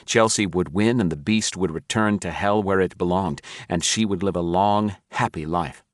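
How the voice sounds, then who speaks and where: A man narrates a first-person audiobook with a wry, self-mocking edge. His voice sits very low, and the read is close and dry, with no room sound. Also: moderate pace, dry recording.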